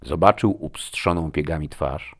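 A man narrating a first-person story in a gruff, expressive way. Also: rumbling low, a little slow. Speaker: audiobook narrator.

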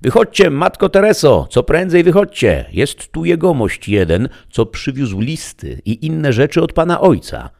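A man voicing an eager fourteen-year-old peasant girl in a read-aloud classic novel, her lines high and excited. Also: normal speed, exaggerated voice.

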